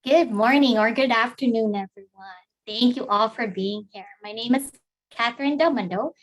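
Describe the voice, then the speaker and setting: Friendly woman from Guam, higher voice. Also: moderate pace, low-quality recording. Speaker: co-presenter. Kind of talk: online workshop introduction. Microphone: video call.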